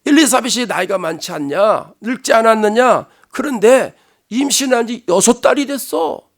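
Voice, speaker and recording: A man voicing a gentle angel messenger who speaks in plain, kindly reassurances. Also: very high-pitched, animated, moderate pace, creaky, voice pushed up, heavily acted. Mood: reassuring.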